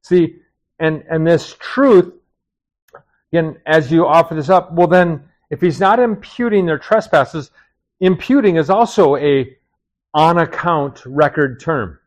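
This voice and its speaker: A middle-aged man preaching a sermon in a conversational way, often checking in with his listeners with quick asides and questions. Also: a little high. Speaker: pastor.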